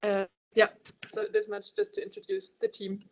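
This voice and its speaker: A woman from Germany presents a project over a video call, hesitating and filling her speech with ums and yeahs, with light laughs. Her voice is a little high, sing-song and gravelly at normal speed, and the sound is lo-fi.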